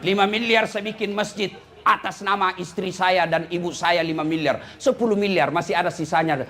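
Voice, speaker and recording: A man from Indonesia, an Islamic preacher giving a humorous sermon, teasing and addressing the congregation directly in an animated way. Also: sits high, a little fast.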